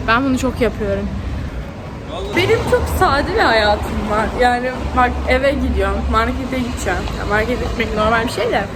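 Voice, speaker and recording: High-voiced blunt young woman vlogging. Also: background noise. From Bursa, Turkey. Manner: blunt, outspoken, swears freely. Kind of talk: casual chatty vlog.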